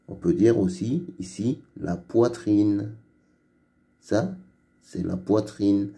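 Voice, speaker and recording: A man leads a phonics lesson for young children, saying each word slowly and twice over. His voice is low, dark and gravelly, and he speaks at a very unhurried pace. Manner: repeats each word slowly and clearly, patient. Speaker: reading teacher.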